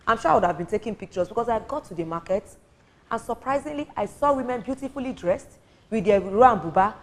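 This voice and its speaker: A Nigerian woman speaking on a studio panel, earnest and lecturing, who drives her points home by repeating them. Her voice sits a little high for a woman. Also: lively intonation, fast talker. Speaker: women's advocate, panel guest. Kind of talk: studio talk show discussion.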